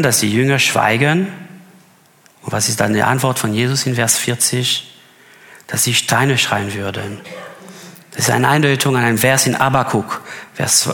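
A man's voice: mid-range voice, vocal fry, fairly bright tone, long reverb tail. A man giving a Bible teaching sermon, reading scripture aloud and often stopping to correct himself. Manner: reads scripture aloud, with frequent slips and restarts. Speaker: preacher.

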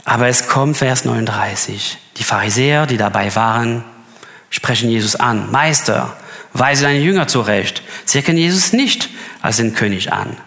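A man's voice: medium pitch, animated, normal speed, vocal fry, sharp tone, big-room sound. A man giving a Bible teaching sermon, reading scripture aloud and often stopping to correct himself. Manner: reads scripture aloud, with frequent slips and restarts. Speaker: preacher.

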